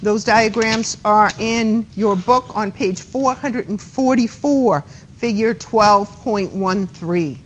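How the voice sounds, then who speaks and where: A woman's voice: medium pitch, takes it slowly, a little hiss or hum, rough recording. A woman with a Boston accent giving a classroom anatomy lecture, chatty and often checking in with students by asking them questions. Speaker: anatomy instructor.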